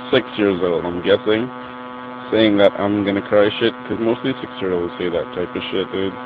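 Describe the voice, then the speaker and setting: A young man ranting at another gamer in voice chat, aggressive, profane and taunting. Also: lowish voice. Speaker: online gamer. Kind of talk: voice-chat rant. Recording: muffled noisy game voice message.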